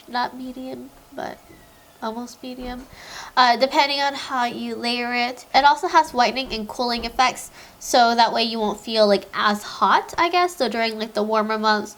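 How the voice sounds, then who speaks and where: Woman, stuffy nose, fairly high-pitched, chatty beauty vlogger, rambling, corrects herself a lot. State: stuffy, congested from a cold. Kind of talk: casual product review.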